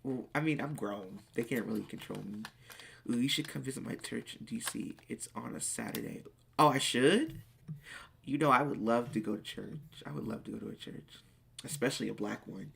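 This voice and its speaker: This late-teen speaker hangs out on a live stream, reading questions from viewers and answering in excited bursts. Their creaky, mid-range voice runs at normal speed over slight background noise.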